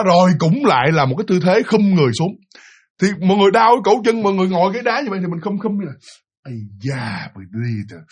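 A man's voice: high-pitched, slightly rough. A man with a Southern Vietnamese accent telling a ghost story casually, talking straight to his listeners. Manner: chatty, addresses listeners directly.

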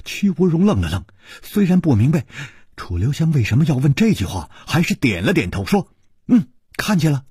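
A man reading a serialized novel aloud for radio, dramatic and expressive. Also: on the high side, a little fast, breathy edge, dry recording, studio quality. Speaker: storyteller.

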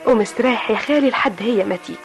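A woman playing an earnest young engaged daughter in a vintage radio drama, talking quickly and politely. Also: on the high side, loud music behind the voice, natural voice.

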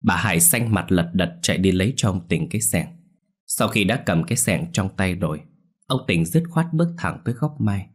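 A man narrating a horror story in a steady, dramatic storytelling voice. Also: low-pitched, normal speed, breathy edge. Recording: soft music bed.

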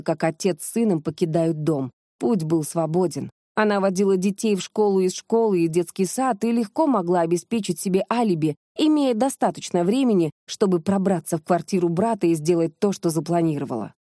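Woman reading as a calm woman sleuth. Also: medium pitch, no room sound, clean studio sound, lightly acted. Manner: calm, reasoned explaining. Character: sharp-minded woman investigator explaining a case.

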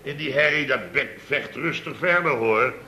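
Playing the blustering, indignant head of a building firm, a male actor grumbles at length and sputters with exasperation in a Dutch radio comedy from about 1970, using a Netherlands Dutch accent. His medium-pitched voice is pushed and bright, at a moderate pace. The audio is poor, a hissy old radio recording.

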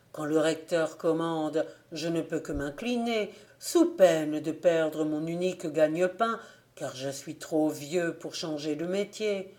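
A woman's voice: lowish voice, darkish tone, close to an everyday voice. A woman voicing an old village gravedigger in an audiobook, anxious and pleading.

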